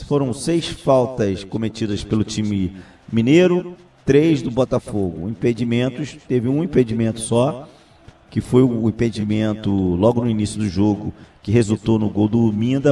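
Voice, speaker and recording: Brazilian male football analyst, mellow dark tone, halting delivery, distant mic, music behind. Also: on the low side. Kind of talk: unscripted football commentary.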